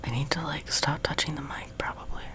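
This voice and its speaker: A man's voice: fairly high pitch, fairly even intonation, brisk, bright, forceful tone. A young adult man hosting ASMR, rambling in a close whisper right into the listener's ear on a sensitive microphone. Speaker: ASMR video host. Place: small room at home, seated on a love seat. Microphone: sensitive high-gain close microphone.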